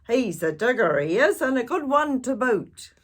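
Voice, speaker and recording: A woman's voice: on the high side, sing-song, normal speed, voice pushed up. A woman voicing a jovial, bossy pirate captain who bellows hearty pirate talk for a children's storybook. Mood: hearty, blustering. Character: loud, blustering pirate captain, a grown man, jovial and bossy.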